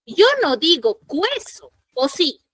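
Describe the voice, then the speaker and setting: A woman's voice: sits high, lively intonation, unhurried, a bit bright, dry recording. A woman teacher giving an online school lesson, quizzing her students and repeating the key points. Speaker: secondary school language teacher. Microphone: computer mic in an online class.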